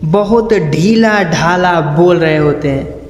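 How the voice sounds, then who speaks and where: Slow, high-voiced motivational speaker, man. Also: echoey room, big-room sound, slight background noise. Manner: emphatic, acts out anecdotes and examples. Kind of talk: motivational talk.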